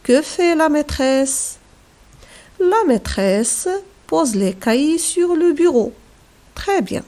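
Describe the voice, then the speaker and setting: Slow, lively Moroccan woman teacher. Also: high voice. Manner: slow, careful, spelling words out letter by letter. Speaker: primary school French teacher. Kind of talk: recorded remote French lesson.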